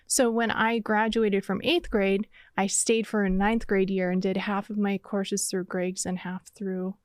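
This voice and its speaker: A woman's voice: medium pitch, little pitch movement, measured pace, smooth, no echo. A middle-aged woman from Vermont, a church mission director, answering interview questions in careful, detailed explanations. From Vermont, USA. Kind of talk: conversational interview.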